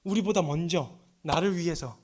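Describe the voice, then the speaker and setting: Fervent high-voiced man preaching. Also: normal speed. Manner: emotional, swings from hushed to fervent pleading. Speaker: missionary preacher. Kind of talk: sermon with personal testimony. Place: church sanctuary.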